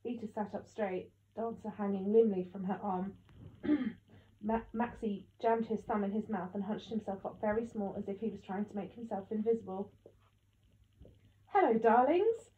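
A woman narrating an audiobook in the first person with steady storytelling. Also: mid-range voice, normal speed, slight background noise. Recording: echoey tinny phone-like sound.

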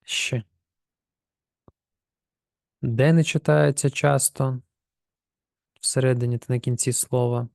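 Slow, gravelly-voiced male language teacher. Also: mid-range voice, steady tone, a little mellow, no echo, studio quality. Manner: slow, repeats words to model pronunciation. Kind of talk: pronunciation lesson.

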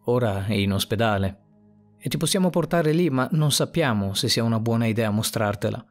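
A man voicing a calm police officer who gently coaxes a frightened child, in a told story. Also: medium pitch, a little fast, faint music behind, lightly acted. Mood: reassuring.

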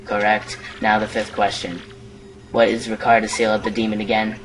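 A man's voice: on the low side, flat delivery, normal speed, fairly bright tone, distant mic, slight background noise, natural voice, low-quality recording. A man voicing a formal, clipped male quiz computer in a video game.

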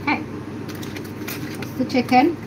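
A woman in her thirties hosts a casual live cooking stream from a small home kitchen, chatting and thinking aloud as she carves and plates food. She speaks unhurriedly into a phone camera held close, with heavy background noise.

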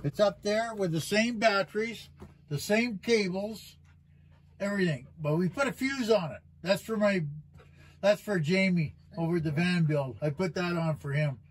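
A man's voice: sits high, normal speed, slight background noise. A Canadian man vlogging in a rambling, joking way, casually swearing as he talks through a project. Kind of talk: casual chat.

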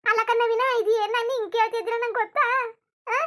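A woman's voice: very high-pitched, little pitch movement, quick pace, a bit bright. A woman voicing a grieving, bitter middle-aged village mother in a cartoon, lamenting and scolding between sobs. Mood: wailing lament. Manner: lamenting, scolding, sobbing in bursts. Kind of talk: cartoon dubbing.

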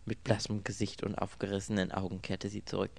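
A man narrating an audiobook in a measured, steady way. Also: on the low side, vocal fry.

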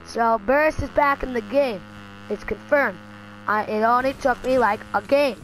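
A woman giving excitable, rambling gameplay commentary, full of fillers and restarts, dropping to mutters and jumping to shrieks. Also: a little slow, slight background noise, rough recording. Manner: excitable, swings from low muttering to sudden shrieks. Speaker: gaming channel host.

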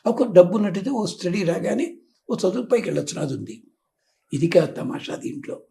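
A man's voice: sits high, lively intonation, brisk, creaky, warm tone. A man, a spiritual teacher, explaining devotion through stories and homely analogies and acting out quoted lines.

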